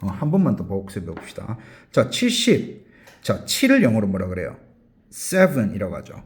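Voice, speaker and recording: A male English teacher runs a classroom drill, asking the same short questions again and again and spelling each word one letter at a time. His pitch swings widely as he prompts, and overall he keeps an unhurried pace. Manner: repetitive question-and-answer drilling, spells words out letter by letter slowly; calls himself teacher, prompts with quick questions. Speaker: English teacher at a language academy.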